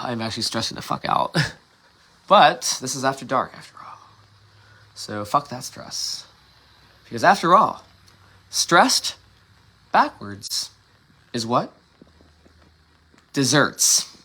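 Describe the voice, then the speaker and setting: A man's voice: a little high, bright, forceful tone, husky. Candid, profane man rambling outdoors. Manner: candid, profane, meandering with many restarts. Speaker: livestream host. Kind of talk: casual rambling monologue. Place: outdoors in a suburban yard before dawn. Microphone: phone.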